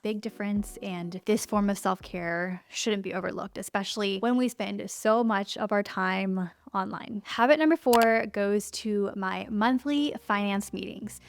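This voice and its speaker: A woman's voice: mid-range voice, fairly even intonation, a little slow, creaky, hardly any pauses, a little hiss or hum. A woman in her thirties who is pregnant and a little out of breath. She chats in a friendly, cozy way in a sit-down vlog and laughs often. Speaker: lifestyle YouTuber.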